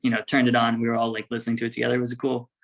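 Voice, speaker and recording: Racing along in a monotone, this band member speaks at medium pitch with a creaky, fairly bright voice. He's an American interview guest chatting casually, wandering through stories and leaning heavily on the filler "like."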